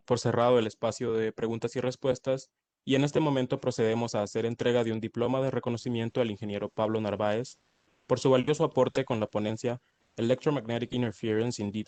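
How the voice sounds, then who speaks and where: A man's voice: mid-range voice, darkish tone, dry recording. A man moderating an event, reading aloud in a formal, orderly way.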